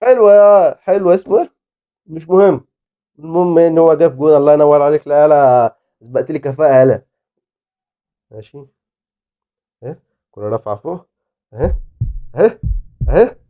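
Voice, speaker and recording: A man with an Egyptian Arabic accent, giving excitable live commentary on his own football game as a gaming YouTuber. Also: fairly high pitch, a little fast, pauses often, muffled recording. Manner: excitable, exclaiming and pleading at the game.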